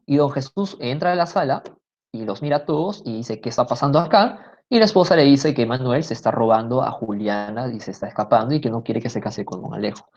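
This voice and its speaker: Woman telling a story offhand, low voice, muffled recording. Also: brisk, a little mellow. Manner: conversational, with fillers and restarts. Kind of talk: casual oral storytelling.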